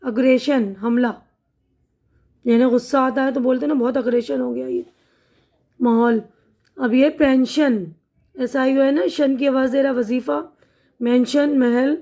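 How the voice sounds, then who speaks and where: Woman, Pakistani Urdu accent, English teacher, high voice, very slow delivery, reads word lists with meanings. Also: warm tone. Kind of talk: slow classroom-style lesson explaining pronunciation.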